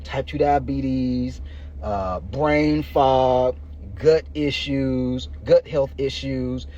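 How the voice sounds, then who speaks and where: Speaking extremely slowly in a mellow, medium-pitched voice, a fitness coach in his thirties hosts his podcast. His pep talk is casual and slangy, pitched directly at listeners, on a noisy, muffled lo-fi recording.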